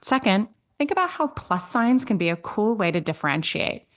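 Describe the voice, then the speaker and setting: A woman's voice: very animated, moderate pace. A middle-aged woman from Switzerland hosting a sales podcast, recapping an interview and answering listener questions in an upbeat, emphatic way. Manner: upbeat, emphatic, with big pitch jumps on key words. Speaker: podcast host.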